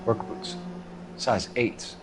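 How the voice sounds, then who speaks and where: An actor playing an upright, earnest 1940s police detective who talks in a formal, stiff way, in video game dialogue. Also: male voice, takes it slowly, background noise, natural voice.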